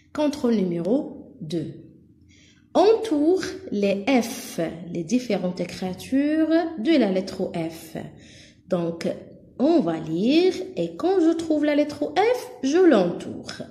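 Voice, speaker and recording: Woman, schoolteacher for small kids: slow, clear, bouncy delivery, recorded in an echoey room. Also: on the high side, mellow. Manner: slow, clear syllable-by-syllable teaching. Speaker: teacher. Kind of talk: first-grade lesson for children.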